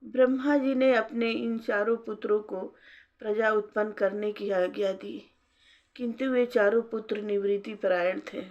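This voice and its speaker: Devotional storyteller, woman, unhurried measured recitation, muffled recording. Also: medium pitch, fairly even intonation, darkish tone. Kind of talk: scripture narration. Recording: dull lo-fi recording.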